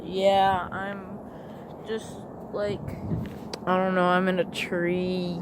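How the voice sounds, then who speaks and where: With a high, level voice and drawn-out words, a man vlogs casually from up a tree in the woods as background noise runs underneath. His voice passes through a gender swap filter that makes him sound like a woman, and his talk is hesitant and rambling, with many fillers.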